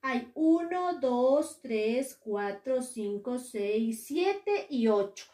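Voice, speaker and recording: Slow, lively Ecuadorian woman teacher. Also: fairly high pitch. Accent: Ecuadorian Spanish. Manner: slow, stressed syllables when modeling words. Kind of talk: online class lesson for young children. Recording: echoey room.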